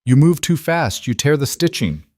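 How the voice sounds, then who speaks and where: A man voicing a calm man of about forty who tends a wounded stranger, speaking quietly with a foreign accent. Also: on the high side, dry recording, clean studio sound, voice pushed up. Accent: foreign accent in English. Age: 40s. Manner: quiet, measured, steady.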